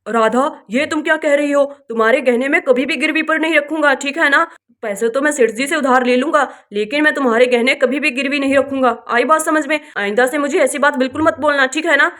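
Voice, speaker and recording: A woman's voice: high voice, fairly quick, fairly bright tone. A woman doing a worried, caring village husband. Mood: earnest. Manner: firm, consoling. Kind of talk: doll-play village drama.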